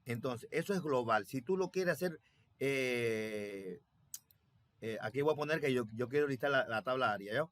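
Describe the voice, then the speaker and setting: A man's voice: mid-range voice, expressive, moderate pace. A man teaching a programming tutorial step by step over his screen, repeating himself and thinking aloud with many fillers. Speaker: software instructor.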